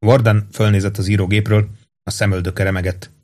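A man narrating a novel as an audiobook, in a steady, even storytelling manner. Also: lowish voice.

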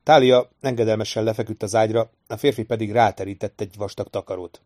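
A man narrating a fantasy novel as an audiobook reader, in an even, unhurried storytelling voice. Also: fairly low pitch. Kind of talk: scripted narration.

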